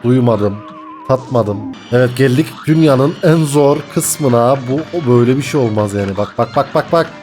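A young man commentating his gameplay, excitable and jokey, swinging from mock panic to laughter. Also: medium pitch, normal speed, soft background music. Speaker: gaming YouTuber.

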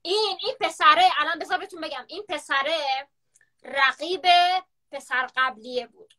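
A woman's voice: sits high, sharp tone. A woman hosting a live stream on her phone, chatting, gossiping and teasing her guests. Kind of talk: casual live-stream chat.

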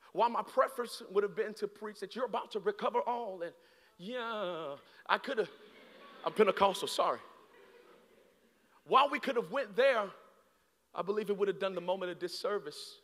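Man preaching, very high voice, sharp bright tone, hushed lines building to shouts, long hall reverb. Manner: swings from hushed, slow delivery to shouted climaxes. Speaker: guest preacher. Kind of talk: sermon. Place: large church stage. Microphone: handheld mic.

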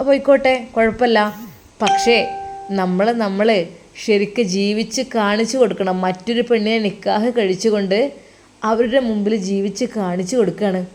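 A warm-hearted male cleric consoling a friend, as a woman reader puts him on, coaxing, reassuring and a little teasing. His voice sits in an everyday middle register and lifts higher when he urges his friend on. It comes across as a spoken storybook role. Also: lightly acted. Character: kindly older male religious teacher, comforting friend.

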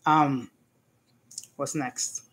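A man hosting a casual live Q&A, telling an animated story with lots of quoted back-and-forth and reading out viewer comments. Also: medium pitch, very slow. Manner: reads out chat comments and greets viewers; gets worked up retelling a dispute. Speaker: livestream host answering viewer comments.

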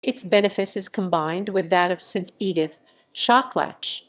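A woman reading an encyclopedia article aloud in an even narration, reading symbols and captions out literally. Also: mid-range voice, unhurried. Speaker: article reader.

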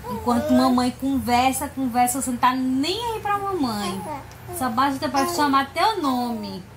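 A woman's voice: high voice, sing-song, normal speed, a crowd in the background. A mother cooing and coaxing her baby in sing-song baby talk at home, filmed from across the bedroom. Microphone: camera held by someone else, at a distance. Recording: echoey room, far from mic, background noise.

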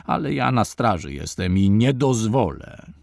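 A bold young nobleman, defiant and accusing, voiced by a man reading aloud. His voice is low and gravelly. The sound is dry and close. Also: sing-song, unhurried, darkish tone, no room sound, exaggerated voice.

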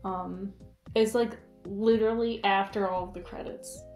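A young woman chats casually at a table, giggly and rambling, sprinkling her sentences with "like." The camera mic sits a few feet off, so the small room adds a noticeable echo. Faint music plays softly behind her. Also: medium pitch, fairly even intonation, a little slow. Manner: chatty and giggly, full of "like" fillers. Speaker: host. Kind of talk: casual chat.

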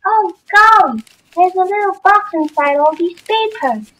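A woman playing an excitable, plucky young orphan girl in an amateur radio play, gushing in folksy slang. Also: very high voice, unhurried, exaggerated voice, poor audio. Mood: thrilled. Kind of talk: old-time radio play acting by an amateur.

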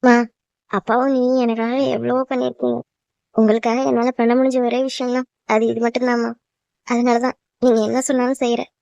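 In cartoon voice acting, a woman plays a young bride, a devoted daughter who teases and reassures her mother in a chatty way. Her voice is high, creaky, and a little mellow, on a dry, lo-fi recording.

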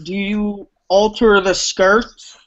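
A man's voice: high-pitched, little pitch movement, slow, a bit bright. A young man hosting a casual livestream chat, chatty and rambling with lots of fillers, heard over a video call. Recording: muffled video call audio.

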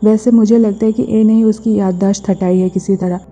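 A woman narrating a brisk plot recap of a drama episode, reading the characters' quoted lines in a plain voice. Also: mid-range voice, fairly even intonation, dark tone. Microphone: voice-over. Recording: dull lo-fi voice-over.

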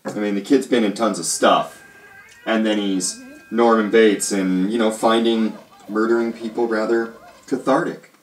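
A man's voice: lowish voice, steady tone, moderate pace, slight background noise. A man co-hosting a casual show, talking in a rambling way full of fillers and hedges. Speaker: co-host. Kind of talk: casual chat reviewing a TV show. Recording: roomy, distant mic.

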